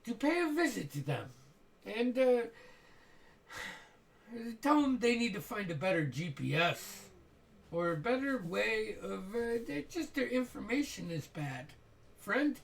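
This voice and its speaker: A man playing a menacing, suspicious guard who questions intruders with measured, sarcastically polite threats. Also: high voice, sing-song, fairly bright tone, exaggerated voice. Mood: veiled threat.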